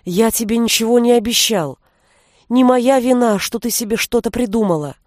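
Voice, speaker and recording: A woman voicing a gentle, coaxing young male wizard in a storybook reading, with a lowered, soothing voice. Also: moderate pace, no echo, clean studio sound, close to an everyday voice. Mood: defensive.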